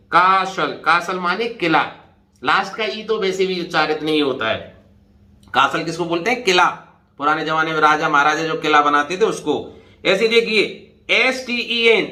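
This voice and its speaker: A man's voice: sits high, pushed and bright. A man in his fifties teaching a pronunciation lesson, spelling words out letter by letter and repeating them patiently. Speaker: English teacher. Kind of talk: classroom-style pronunciation lesson. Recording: echoey room.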